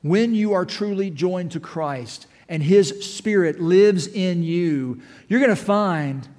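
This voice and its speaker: A man with a high voice preaches a fervent sermon, swinging from hushed, low lines to ringing shouts. His words echo with a long reverb through a church sanctuary. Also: slow. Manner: impassioned preaching, rising to shouts, rhetorical questions. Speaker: pastor.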